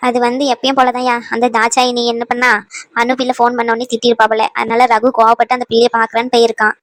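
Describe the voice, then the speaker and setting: Brief: woman, bright high voice, tender cartoon family drama. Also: monotone, fast. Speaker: voice actor for women in a family cartoon.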